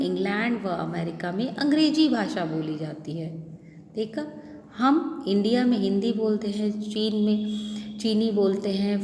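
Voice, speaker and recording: A schoolteacher with a Lucknow Hindi accent explains a lesson slowly, posing questions and then answering them herself. Her voice is slightly high and a little mellow, recorded in an echoey room with faint background noise.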